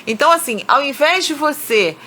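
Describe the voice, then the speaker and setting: A middle-aged woman from Brazil talks through money troubles in couples in a chatty, motivational way. Her voice is bright and a little high, and she slips into the voices of the people she quotes. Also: expressive, normal speed, slight background noise. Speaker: speaker on money and relationships. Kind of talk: casual motivational talk.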